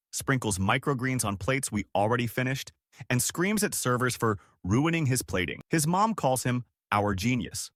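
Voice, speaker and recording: A man narrating scripted stories in a lively storytelling manner, recorded close to the mic. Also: no echo. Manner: lively storytelling with big pitch swings.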